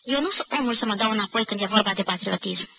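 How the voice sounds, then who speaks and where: A woman voicing a burly, boastful male student who talks in a loud, chummy, overfamiliar way, on an old archive recording. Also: sits high, creaky, lo-fi sound, a little hiss or hum, full character voice. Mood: brash swagger.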